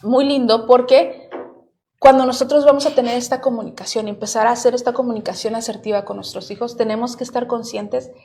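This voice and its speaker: A woman's voice: on the high side, steady tone, a little fast, vocal fry, warm tone. A woman co-hosting a casual faith podcast, speaking in an earnest, teaching way. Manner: earnest, quotes scripture, teaching tone. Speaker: podcast co-host.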